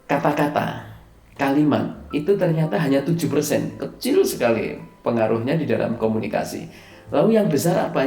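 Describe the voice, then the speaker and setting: A man's voice: mid-range voice, mellow. A man teaching presentation skills over slides, explaining with hesitant fillers and stressing key words. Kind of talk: recorded slide lecture. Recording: echoey room, faint music underneath.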